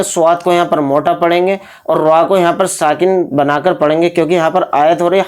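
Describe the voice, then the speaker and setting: A man teaching Quran recitation, patiently explaining each letter and drawing out the sounds as he demonstrates. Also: high-pitched. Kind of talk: slow, methodical recitation lesson.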